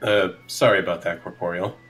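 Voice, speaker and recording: As a player in a tabletop roleplay game, a man chats casually and describes what his character does. He has a low, steady, slightly bright voice and talks a little fast, with faint music in the background.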